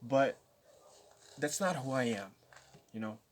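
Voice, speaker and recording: Young man, nineteen, casual vlogger; rambling, halting, mid-pitched voice. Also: slight background noise. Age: late teens. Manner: rambling, with many restarts and stammers. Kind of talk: casual talk to camera.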